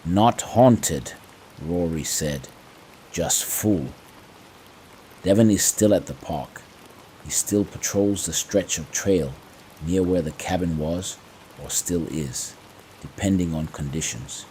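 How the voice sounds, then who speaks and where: A man narrating scripted horror stories to fall asleep to, in hushed, creeping, ominous tones with measured, dramatic pauses. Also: deep voice, slight background noise, low-quality recording. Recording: faint rain ambience behind. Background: soft rain sounds.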